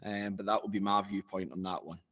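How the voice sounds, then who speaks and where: A man's voice: on the low side, fairly even intonation, fairly quick, a bit bright, highs cut off. A man leading a casual discussion among coaches on a video call, chatty and thinking aloud as he goes.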